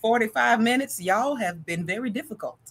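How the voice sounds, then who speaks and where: A woman's voice: fairly high pitch, animated, normal speed, slightly rough. A woman joining a livestream interview as the guest over a remote call, joking and exclaiming freely.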